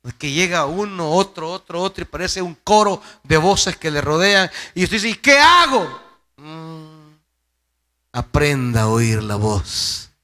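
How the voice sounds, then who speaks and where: A Salvadoran pastor preaching a sermon, swinging dramatically from hushed words to loud ones and repeating phrases for emphasis. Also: male voice, a little high, measured pace, few pauses. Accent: Salvadoran Spanish.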